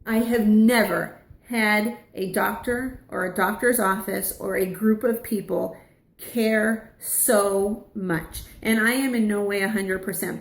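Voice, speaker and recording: A woman's voice: mid-range voice, gravelly. Heartfelt woman sharing her story, roomy echo. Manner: earnest and heartfelt, close to tears at times. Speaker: patient sharing a testimonial. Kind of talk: personal testimony to an audience.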